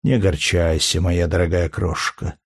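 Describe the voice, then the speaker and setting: A man's voice: low-pitched, fairly even intonation, normal speed, breathy edge, dry recording, studio quality, voice pushed down. A man reading an audiobook, voicing a grieving young Roman mother who speaks tearfully and tenderly. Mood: sorrowful. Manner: tearful, pleading, softly emotional.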